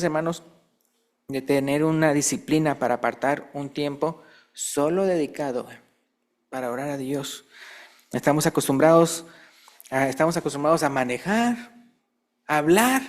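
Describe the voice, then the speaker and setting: A man's voice: moderate pace, pauses often. A man preaching a sermon in a conversational way, asking the congregation questions and acting out quoted voices. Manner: acts out quoted voices with rising pitch.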